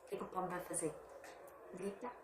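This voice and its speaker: A chatty woman talks straight to her viewers, tossing out rhetorical questions and sighing in exasperation. Her voice sits at a middle pitch and rings in a roomy, echoey space. A faint hum of ambience sits behind her. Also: moderate pace, darkish tone. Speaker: vlogger. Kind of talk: casual opinion monologue to camera.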